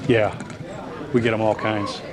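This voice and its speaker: A man's voice: lowish voice, little pitch movement, unhurried, a crowd in the background, natural voice. A man playing a gracious ring announcer. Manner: polite and gracious with fans. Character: gracious male local ring announcer, polite. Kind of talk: mockumentary acting.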